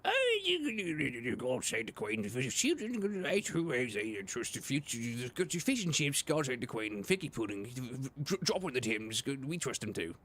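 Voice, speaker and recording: A man's voice: mid-range voice, big pitch swings, unhurried, hardly any pauses, a bit bright. A man voicing a mock posh British woman leader in an exaggerated parody accent, babbling nonsense phrases.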